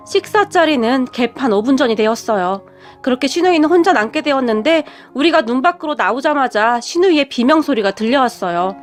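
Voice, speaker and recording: A woman telling a scripted first-person family story in an even, steady storytelling manner. Her voice sits high, and a faint bed of music runs underneath. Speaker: story narrator.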